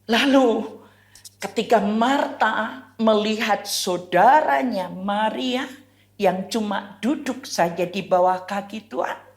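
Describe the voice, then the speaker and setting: A woman pastor with an Indonesian accent preaching a sermon, telling a story with animated, acted-out quotes. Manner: animated storytelling, acts out quoted voices with raised pitch. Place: church. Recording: echoey church hall.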